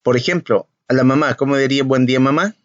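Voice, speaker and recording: A man teaching a language lesson to young children, repeating each word slowly and clearly for the pupils to copy, with a Chilean Spanish accent. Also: mid-range voice, no room sound. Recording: slightly muffled, dry recording.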